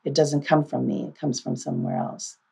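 Podcast guest from Puerto Rico, a woman with a low, gravelly voice, thoughtful and hesitant. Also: flat delivery, a little fast, poor audio. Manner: reflective, soft-spoken, hesitant with many fillers. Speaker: psychologist guest. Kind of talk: podcast interview.

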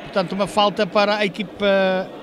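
A man's voice: high voice, level tone, fairly quick. A man giving live play-by-play futsal commentary, hesitant and often correcting himself as he thinks aloud. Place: indoor sports hall during a match. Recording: noisy sports hall with bouncing balls. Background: gym noise, ball bounces.

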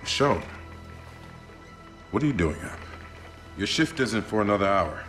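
An actor playing an earnest, worried American boat captain in a dramatic video game about surviving an apocalypse, with an insistent way of talking. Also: male voice, lowish voice, lively intonation, measured pace, a bit bright, faint music behind. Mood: concerned.

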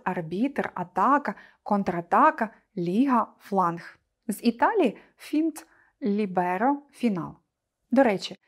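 A woman teacher presenting a scripted online lesson, speaking clearly and deliberately to her pupils. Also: mid-range voice.

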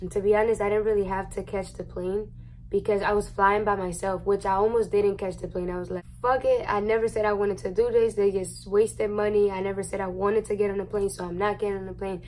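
A woman's voice: medium pitch, little pitch movement, a little fast, a little mellow, slight background noise, rough recording. A young adult woman vlogger telling a personal story in a casual, rambling way, full of fillers and swearing, at home. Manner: candid, rambling, swears freely, many fillers. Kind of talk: casual storytime while eating.

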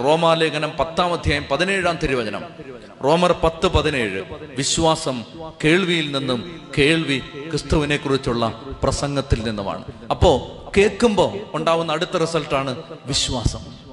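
A man preaching a fervent sermon as a priest, repeating phrases and leading the congregation in call-and-response. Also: on the high side. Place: church. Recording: long church hall reverb.

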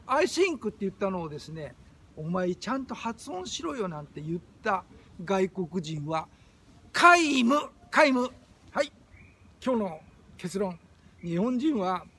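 A man's voice: sits high, a bit bright, breathy edge. An older man, a YouTube host, giving an emphatic monologue, stressing and repeating his key phrases.

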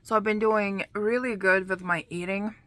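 A woman's voice: mid-range voice, fairly even intonation, normal speed, fairly bright tone. A woman crochet vlogger chatting casually to her camera at home, rambling and sometimes dropping to a whisper. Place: home room, dim.

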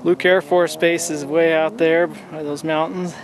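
Guy in his 40s rambling on a mountain hike, lotta ums, camera at arm's length, slightly high voice, bit of outdoor noise. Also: unhurried. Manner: relaxed, rambling with many ums. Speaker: hiking vlogger. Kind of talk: casual outdoor vlog. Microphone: camera held at arm's length.

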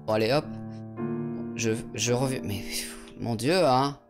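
Music plays in the background as this French let's play streamer chats through his game at a measured pace in a mid-range voice. He swears occasionally, reads viewer messages aloud, and responds, recorded on a USB studio condenser mic.

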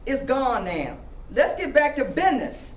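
A woman's voice: high voice, sing-song, distant mic, pitched above the performer's own voice. No-nonsense brushing-it-off lady, a woman reading the part, echoey room. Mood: dismissive. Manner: brisk, dismissive. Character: brisk, dismissive woman called Blood. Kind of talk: scene reading.

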